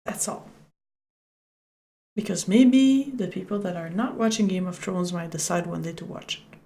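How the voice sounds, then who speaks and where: A French Canadian woman with a French first language chats with viewers as she plays, reading on-screen text along the way. Her voice sits low and has a gravelly, fry-tinged edge. She jokes easily between lines. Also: normal speed, dark tone. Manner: chatty, joking, chatting with viewers. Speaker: game streamer. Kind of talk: casual let's-play commentary and reading game text aloud.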